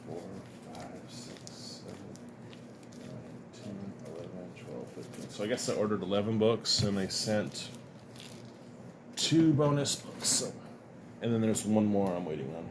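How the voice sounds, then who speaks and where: In this laid-back unboxing chat, a man with a fairly low voice speaks unhurriedly against a noisy background. He rambles as he shows his comic and card haul, laughing frequently and sniffling a little because of dust.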